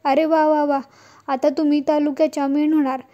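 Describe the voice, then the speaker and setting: A woman's voice: sits high, little pitch movement, fairly quick, warm tone, lo-fi sound, natural voice. A woman reading a boastful son-in-law. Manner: boastful, pushy.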